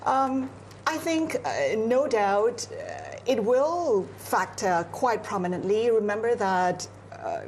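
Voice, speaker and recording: A woman's voice: on the high side, very animated, takes it slowly, darkish tone, a little hiss or hum. A woman from Singapore, a news anchor, analysing world affairs in a live broadcast discussion with frequent fillers. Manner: fluent, analytical, many "you know" fillers. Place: on location in Beijing.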